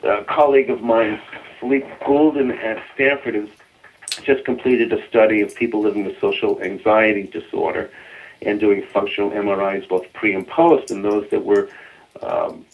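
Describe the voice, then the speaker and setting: Man, Boston accent, lowish voice, earnest, restarts sentences, tinny phone line. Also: steady tone, moderate pace. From Boston area, US. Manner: earnest, repeats words when starting sentences. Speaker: mindfulness expert guest. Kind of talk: radio interview.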